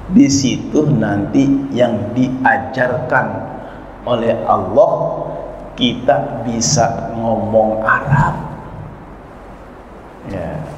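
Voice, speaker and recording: A man delivering a lively sermon, telling stories with acted quotes and chuckles. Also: mid-range voice. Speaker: preacher. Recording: echoey hall, dull lo-fi sound, faint noise.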